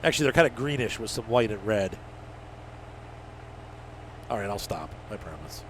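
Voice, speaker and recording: A man's voice: on the low side, big pitch swings, normal speed. Congested man with a stuffed-up nose. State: sick with allergies, nose fully plugged. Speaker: gaming channel host. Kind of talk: casual gameplay commentary. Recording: noticeable noise behind the voice.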